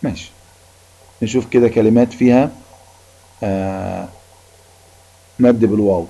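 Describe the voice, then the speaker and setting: A man with an Egyptian accent teaching an Arabic lesson, reading a passage and explaining it in colloquial speech, repeating each point slowly. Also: on the low side, fairly even intonation, creaky, mellow, husky. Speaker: primary school Arabic teacher. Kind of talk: recorded classroom lesson. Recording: dull lo-fi recording.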